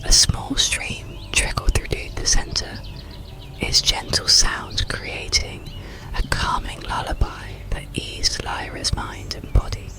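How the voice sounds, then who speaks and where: An audiobook storyteller narrates an ASMR bedtime story, whispering in a soothing, deliberate way.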